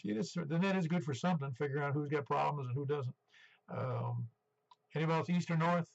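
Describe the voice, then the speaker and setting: A man's voice: fairly high pitch, fairly quick, vocal fry. A man in his seventies running an amateur radio net in a chatty, rambling, easygoing way, heard over a two-way radio. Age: 70s. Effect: two-way radio transmission. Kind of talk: casual radio net check-in talk. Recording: dull band-limited ham radio audio.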